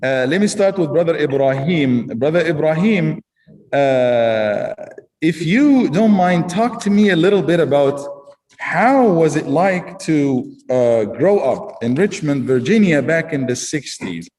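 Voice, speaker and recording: A man from Egypt hosting a community talk, introducing guests and asking questions in a measured way with some restarts. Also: a little high, animated, darkish tone, long reverb tail, recorded from a distance, rough recording. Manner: measured, slow reading with restarts. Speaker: host.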